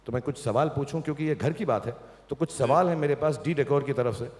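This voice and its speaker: A man's voice: medium pitch, fast talker, a little mellow. Teasing man hosting on a stage. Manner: teasing, joking, coaxing. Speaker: event host. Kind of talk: playful on-stage banter. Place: large event hall. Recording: hall reverb, faint ambience.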